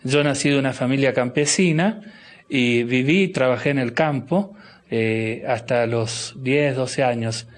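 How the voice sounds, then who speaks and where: A middle-aged man with an Argentine accent, a bishop answering interview questions slowly and thoughtfully, with many restarts and fillers. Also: mid-range voice. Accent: Argentine Spanish. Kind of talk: interview guest.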